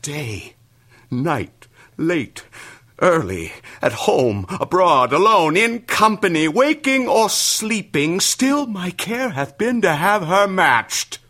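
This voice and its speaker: A man's voice: sits high, very animated, slow pace, full character voice. An actor playing a furious, domineering older nobleman who blusters and threatens his daughter in classical verse. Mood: enraged. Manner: blustering, shouting threats, then cold and menacing. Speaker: actor in a stage play.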